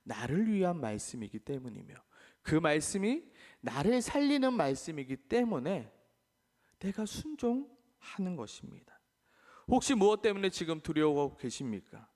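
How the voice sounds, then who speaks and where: Animated male pastor preaching in a hall. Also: a little high, moderate pace. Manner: animated preaching, acts out quoted voices. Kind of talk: sermon. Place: living in Australia. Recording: long hall reverb.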